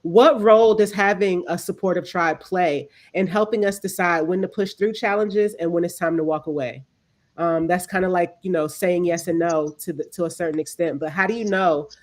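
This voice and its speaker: Low-voiced woman moderating a panel. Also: normal speed. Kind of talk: panel discussion.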